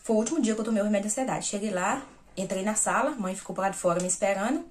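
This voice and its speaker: A woman speaks very fast at medium pitch as a vlogger sharing personal news in a casual, storytelling way. Addressing her audience directly as "gente," she reenacts the conversations she's recounting.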